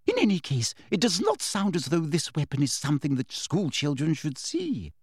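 A man's voice: fairly high pitch, wildly swooping pitch, normal speed, breathy edge, no echo, studio quality, exaggerated voice. A man voicing a domineering, greedy older woman official with an imperious, eager way of questioning. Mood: harsh, imperious. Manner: imperious, harsh, eager interrogation.

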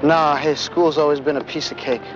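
An actor plays a shy young man, a preoccupied student in a television drama. He is awkward and reticent in a fairly high voice, with loud music over a muffled soundtrack. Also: fairly even intonation, normal speed, natural voice. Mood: awkward, subdued. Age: young adult. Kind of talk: TV drama acting.

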